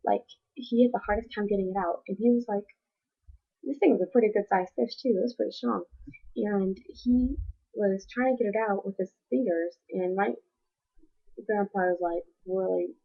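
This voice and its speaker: A woman's voice: mid-range voice, steady tone, moderate pace, gravelly, husky. A teenage girl telling a story to her webcam at home, chatty and rambling with lots of "like". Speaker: vlogger. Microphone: built-in webcam mic. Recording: dull lo-fi webcam audio.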